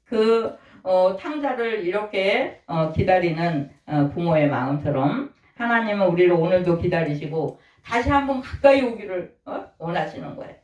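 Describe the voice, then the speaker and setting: A man's voice: sits high, expressive, moderate pace. Man preaching from far off in a roomy church. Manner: keeps asking the congregation rhetorical questions. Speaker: pastor. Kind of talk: sermon. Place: church sanctuary. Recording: roomy, distant, dull-sounding church recording.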